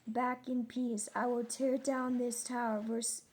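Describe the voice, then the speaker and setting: Woman, slow halting Bible reader, mellow tone, fairly flat. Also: on the high side. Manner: halting, repeats names after a pronunciation guide. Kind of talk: slow verse-by-verse Scripture reading.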